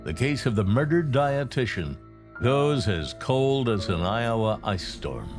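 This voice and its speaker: Male, true crime narrator, scripted documentary read, dramatic delivery, animated intonation, clear music bed. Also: medium pitch, a little slow. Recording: music playing behind the narration.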